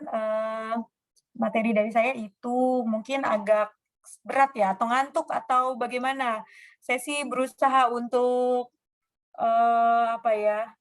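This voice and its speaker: A woman giving a casual lecture, pausing often with fillers and acting out example questions in a friendly tone. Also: a little high. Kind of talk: online lecture with slides.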